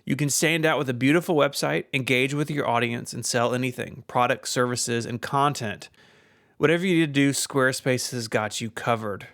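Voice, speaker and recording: A man's voice: medium pitch, normal speed, creaky, no echo, clean studio sound. A man co-hosting a casual podcast, trading history facts, laughing often and reading a sponsor spot. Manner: laughs often, relaxed banter. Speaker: podcast co-host. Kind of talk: casual podcast chat and ad read.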